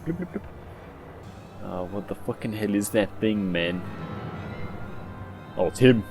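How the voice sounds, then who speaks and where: A man reacting casually to a game with amused disbelief, sweary, slangy and excitable. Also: fairly low pitch, a little slow. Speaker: gamer reacting to a game's story. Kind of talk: casual gameplay reaction commentary. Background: game music.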